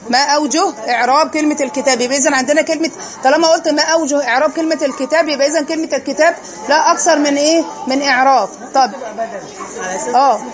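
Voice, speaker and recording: Egyptian woman teacher, high and quick, quizzes then answers herself, class noise behind. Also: fairly even intonation, crowd noise. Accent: Egyptian Arabic. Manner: poses questions then answers them herself. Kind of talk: classroom lesson.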